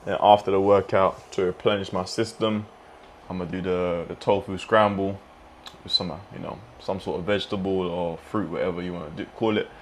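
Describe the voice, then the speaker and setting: A man with a very low, deep voice talks in a loose, rambling way, often dropping in "man" and "you know". It sounds like a relaxed vlog, with faint noise behind him. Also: a little fast. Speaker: fitness vlogger and streamer. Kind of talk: casual mukbang vlog chat.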